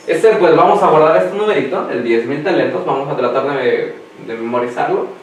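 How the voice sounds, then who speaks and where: A man preaching a sermon who quizzes the congregation and lets them finish his sentences, slowing down to read scripture aloud. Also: on the high side, animated, a little hiss or hum. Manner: slows down when reading scripture aloud. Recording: echoey hall, mic far off.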